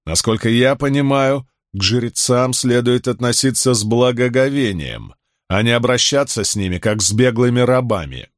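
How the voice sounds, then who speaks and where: A man voicing a calm, self-assured stranger warrior with a dry, curt manner. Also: mid-range voice, normal speed, no echo, pitched above the performer's own voice, lightly acted. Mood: defiant.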